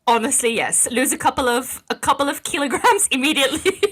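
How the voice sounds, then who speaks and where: Woman in her thirties, bright tone, earnest casual podcast chat, frequent laughs. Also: high-pitched, lively intonation, moderate pace. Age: 30s. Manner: chatty and earnest, laughs often. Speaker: podcast co-host.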